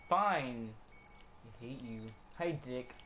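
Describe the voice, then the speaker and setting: A man's voice: medium pitch, animated, takes it slowly, sharp tone, slight background noise. A young man joking around goofily during co-op gameplay commentary. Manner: goofy, joking, giggly. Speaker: gamer. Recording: game music behind. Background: game music.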